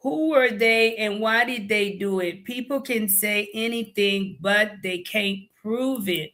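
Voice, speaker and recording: A woman hosting a live-stream talk show, speaking in a measured way as she reads out and thanks viewer comments. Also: medium pitch, a bit bright. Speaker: host.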